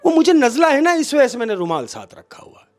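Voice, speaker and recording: A man's voice: very high-pitched, big pitch swings, fast talker, soft background music, voice pushed up. A man voicing a demanding young wife who complains indignantly.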